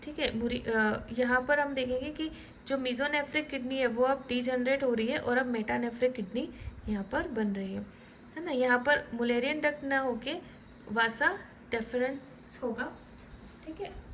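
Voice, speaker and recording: A high-voiced woman teaching a class as she walks through diagrams. She talks in a relaxed, conversational way, checking in with listeners and restarting words mid-thought. A faint room hum sits behind her voice. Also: measured pace, low-quality recording. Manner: repeats "ठीक है" often, restarts words. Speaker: biology teacher. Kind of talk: online lecture explaining diagrams.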